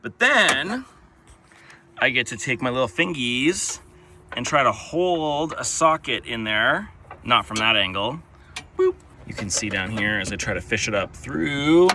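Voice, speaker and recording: A man's voice: medium pitch, big pitch swings, unhurried, noisy background. A man chatting to viewers in a casual how-to vlog, grumbling with humor while he works outdoors, recorded on a handheld phone. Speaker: DIY vlogger. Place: outdoors on wet grass beside a pickup truck.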